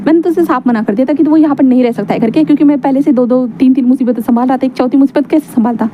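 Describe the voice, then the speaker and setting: A woman's voice: sits high, rapid-fire, phone-quality sound, slight background noise, close to an everyday voice. A woman voicing an easygoing middle-aged father who jokes and lectures in a chatty way. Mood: wry.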